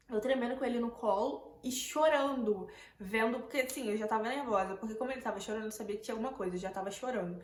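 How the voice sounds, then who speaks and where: A young Brazilian vlogger with a Portuguese accent and a fairly high, slightly mellow voice recounts a tense night to her viewers, telling it casually and emotionally and repeating words often. The room is echoey, with faint background noise.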